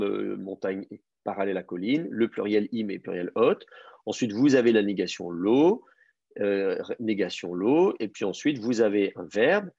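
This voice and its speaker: Professeur à la voix voilée, diction patiente. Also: male voice, lowish voice, darkish tone, slightly rough, no echo, dull audio. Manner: patient, explanatory, repeats key words slowly. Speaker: Hebrew teacher. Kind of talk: online class explanation.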